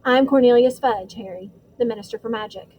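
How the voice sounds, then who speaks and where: A portly middle-aged official with a lowered, clipped voice, pompous and quick to turn testy, as a woman reader puts him on. He talks in a pointed, self-important audiobook manner. A faint hiss sits under the voice. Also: highs cut off, natural voice.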